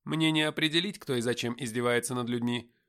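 A man's voice: medium pitch, steady tone, fairly quick, a bit bright, natural voice. A man reading an audiobook voices a haughty, world-weary female angel who speaks in a commanding, solemn way. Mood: calm.

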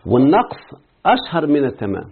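An Egyptian-accented sheikh explains an Arabic grammar text, quizzing his students with repeated checks as he goes. His voice sits on the high side with huge pitch swings and a quick pace. The line sounds tinny, like a phone, with slight background noise.

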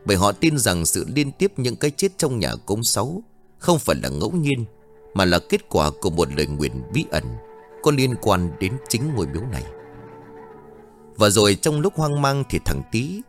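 Somber male horror storyteller. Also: lowish voice. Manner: somber, dramatic. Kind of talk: scripted horror story narration. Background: faint music.

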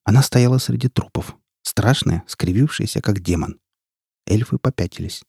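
Gravelly, low male audiobook narrator. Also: normal speed, darkish tone, dry recording, clean studio sound.

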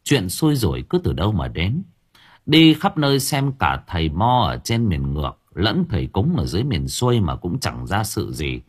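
A man narrating an audiobook story in an expressive, dramatic reading style. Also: sits low, moderate pace, husky.

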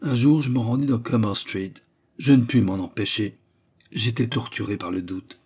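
A man narrating a literary short story as an audiobook reader, in a measured storytelling delivery. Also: mid-range voice, darkish tone, husky.

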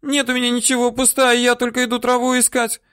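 A man's voice: very high voice, monotone, fast, a bit bright, smooth, no echo, clean studio sound, voice pushed up. A man voicing a frightened, whimpering woman for an audiobook, her voice whiny, squealing and pleading. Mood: scared pleading. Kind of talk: audiobook character voice.

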